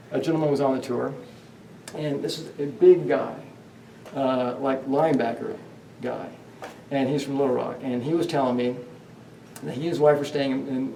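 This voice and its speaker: A man leads a ghost tour down a hotel hallway, rambling through his stories with lots of fillers and false starts. His mid-range voice is mellow with some vocal fry, and he's picked up from a distance in the echoey corridor, with slight background noise.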